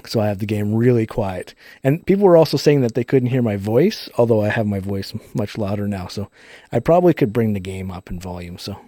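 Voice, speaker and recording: A man's voice: lowish voice, mellow, no room sound. A man chatting casually as he hosts a live game stream, rambling through technical explanations, his voice heavily compressed on a studio microphone. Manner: rambling, explains technical details while playing. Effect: audio compressor on voice. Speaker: live-streaming gamer and host. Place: recording studio. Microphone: studio microphones through a multichannel input.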